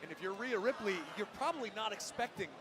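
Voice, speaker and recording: A male wrestling commentator in the analyst seat, high in pitch, with clear arena noise behind. He gives opinionated live colour commentary and explains tactics in full sentences. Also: lively intonation, fast, crowd noise.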